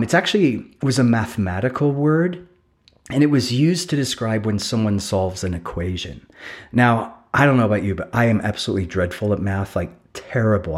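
A man's voice: medium pitch, darkish tone. A man from England preaching a sermon as a pastor, earnest and emphatic, building his points with repeated phrases and self-deprecating asides.

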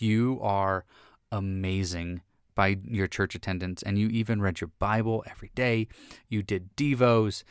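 Man putting on a doting fatherly God, lower and hushed, gushing fondness, dry close sound. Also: clean tone, dry recording, natural voice. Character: doting male God as a father, gushing over a favorite child.

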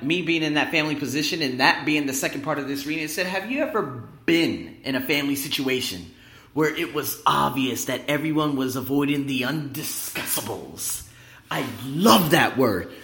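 Podcast guy going off on a motivational ramble, kinda high voice, big echoey room sound. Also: moderate pace. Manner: animated, emphatic, rambling and conversational. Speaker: podcast host. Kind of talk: motivational solo podcast monologue. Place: indoor room at his workplace.

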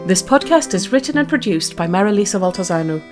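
A woman hosting a short-fiction podcast, reading a story in a measured, deliberate way. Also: medium pitch, lively intonation. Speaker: podcast host and narrator. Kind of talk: scripted narration of a short story. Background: faint guitar music.

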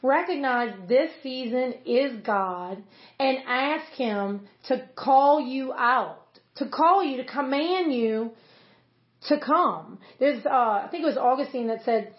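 A woman's voice: high-pitched, expressive, slow. A woman pastor giving an earnest, conversational devotional teaching, with many casual fillers. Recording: roomy, slightly dull recording.

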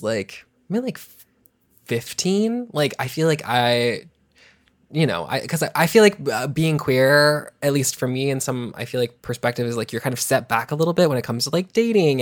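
A man in his thirties, a former child actor, chatting casually as an interview guest, rambling and animated with constant "like"s. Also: mid-range voice. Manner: rambling, heavy use of "like", animated.

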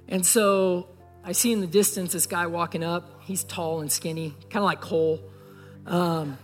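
A young man preaching a sermon, an earnest pastor telling a story and speaking straight to the congregation. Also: high voice. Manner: earnest, talks straight to the audience. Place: church sanctuary. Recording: echoey hall with faint music.

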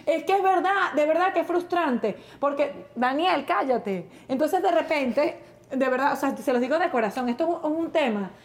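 A high-pitched woman with a Venezuelan accent, in her thirties, co-hosting a playful talk show. She rants in an animated, exasperated way and acts out quotes as she vents. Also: normal speed, a little hiss or hum. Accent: Venezuelan Spanish. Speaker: co-host. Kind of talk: casual comedic banter.

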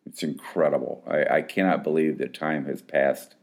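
A man's voice: very deep voice, fairly even intonation, moderate pace. A man in his fifties, an addiction counselor, talking casually to his clients in a rambling, frank way full of restarts.

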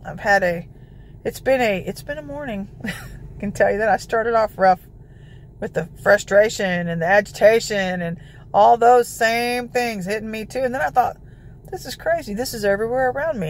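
A woman with a gravelly voice giving informal, emphatic devotional exhortation as a prayer preacher. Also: fairly high pitch, a little hiss or hum. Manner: emphatic, declarative, peppered with scripture citations.

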